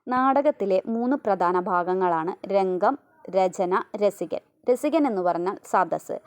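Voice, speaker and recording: Woman teacher, mid-pitched, steady step-by-step exam revision delivery. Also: a little slow, clear, resonant tone. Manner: explains point by point, asks and answers her own questions.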